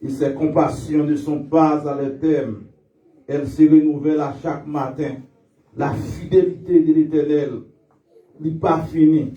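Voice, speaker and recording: A man preaching a sermon in church, calling out to his congregation for responses and reading scripture slowly and emphatically. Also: a little high, fairly even intonation, mellow. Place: church sanctuary. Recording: echoey hall, distant dull mic.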